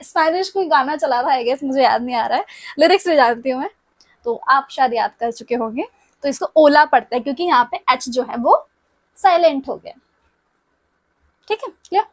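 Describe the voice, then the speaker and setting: A woman's voice: high-pitched, animated, fairly quick, no room sound. A young woman teaching a language lesson, explaining step by step and often checking whether her students follow.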